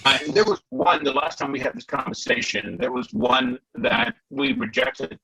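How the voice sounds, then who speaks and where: A man serving as a commissioner, asking halting questions in a public meeting over a video call whose audio keeps breaking up. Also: medium pitch, very animated, vocal fry, sharp tone, a little hiss or hum. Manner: halting, searching for words. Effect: choppy breaking-up call audio. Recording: dull lo-fi video call line.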